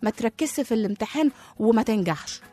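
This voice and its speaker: A woman with an Egyptian accent voicing a sly male devil tempting a child, hushed and insinuating. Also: a little high, lively intonation, fast talker. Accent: Egyptian Arabic.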